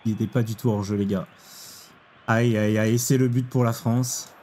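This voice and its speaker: A young man commenting on his own football video game match, excitable, exclaiming and groaning at each play. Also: lowish voice, moderate pace, a little hiss or hum. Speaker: gaming YouTuber. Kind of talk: live gameplay commentary.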